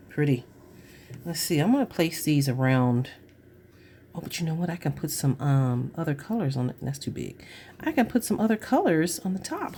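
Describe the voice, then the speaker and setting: A woman's voice: fairly low pitch, darkish tone, slight background noise. A woman chatting through a crafting tutorial, gushing over her work and dropping to murmurs as she works. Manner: chatty, gushing, drops to murmurs while working. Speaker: craft vlogger.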